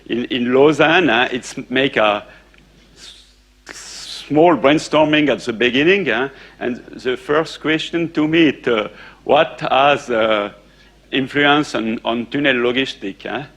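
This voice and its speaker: This conference speaker, a Frenchman lecturing in English, speaks in a halting manner with constant restarts and plenty of "uh" and "eh," at times stopping to ask the audience something. He has a mid-range voice with a fairly bright tone.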